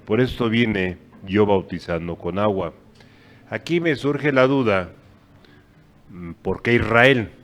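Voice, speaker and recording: Slow, low-voiced man thinking aloud. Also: fairly bright tone. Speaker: Bible study participant. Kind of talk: asking a question in a study group.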